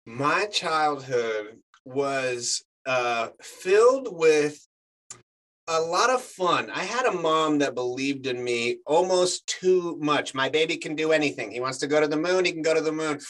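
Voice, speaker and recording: Here the pitch runs a little high and the pace is unhurried, though the audio quality is poor. He's a forties-aged American actor guest whose first language is Spanish, telling lively stories in casual chat and leaning heavily on fillers.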